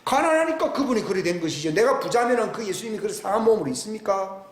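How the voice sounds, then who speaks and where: A man, preaching a sermon as pastor, swinging between loud emphatic questions and hushed, near-whispered asides. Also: high-pitched, lively intonation, fast. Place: church sanctuary. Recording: echoey church room with faint background hiss.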